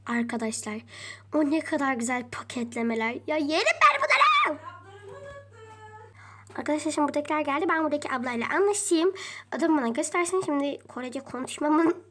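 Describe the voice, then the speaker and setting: High-pitched woman, chatty game role-play vlogger, talks straight to viewers. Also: fast. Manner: chatty, addresses viewers often, mild swearing. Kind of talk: narrating a pretend trip vlog in a game.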